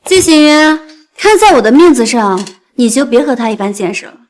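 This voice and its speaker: An actress playing an arrogant, spoiled young heiress who talks in a haughty, demanding way. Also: female voice, high voice, big pitch swings, moderate pace. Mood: coaxing.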